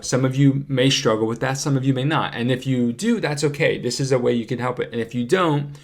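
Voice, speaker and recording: A man hosting a disc golf podcast, talking casually and explaining patiently with frequent fillers and self-corrections while checking his notes. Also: medium pitch. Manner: reads from notes. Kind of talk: casual instructional talk.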